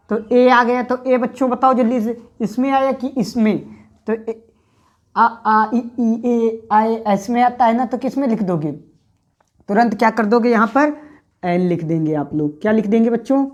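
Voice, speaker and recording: Fairly high-voiced woman teacher, grammar class, asks and answers her own questions, drawn-out letter sounds. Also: muffled recording. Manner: repeats questions to students and answers them.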